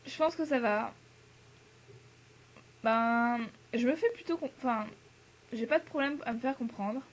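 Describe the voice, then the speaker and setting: A teenage French exchange student chats casually to the camera in a slightly high, unhurried voice. She uses lots of fillers, laughs and mixes in English words.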